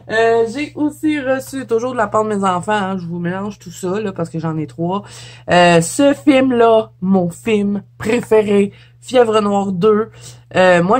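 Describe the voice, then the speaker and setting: Chatty Quebec French woman, laughing often. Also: medium pitch. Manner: chatty, laughs often, trips over words. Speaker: YouTuber. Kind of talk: casual show-and-tell vlog.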